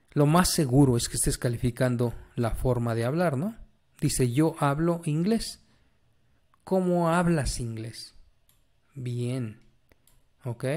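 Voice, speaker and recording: A man's voice: medium pitch, warm tone. A man with a Mexican Spanish accent teaches an English grammar lesson. He keeps asking the learner questions and then answers them himself.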